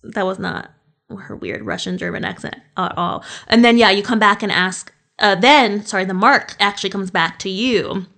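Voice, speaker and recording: A woman's voice: mid-range voice, very animated, moderate pace, fairly bright tone. A woman hosts a casual podcast conversation. She talks freely and chattily, laughs often, and drops the odd swear word. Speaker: podcast host.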